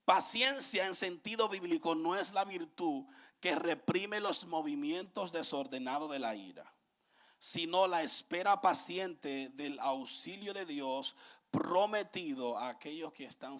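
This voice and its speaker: A man preaching a sermon as pastor, dropping to hushed murmurs and then building to shouted, sing-song climaxes. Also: high voice.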